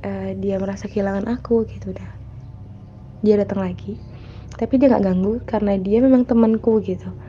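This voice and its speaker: A woman's voice: mid-range voice, fairly even intonation, brisk. A young woman guest telling her own experiences in casual, chatty storytelling, with lots of fillers and self-corrections. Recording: dull, lo-fi sound with faint noise.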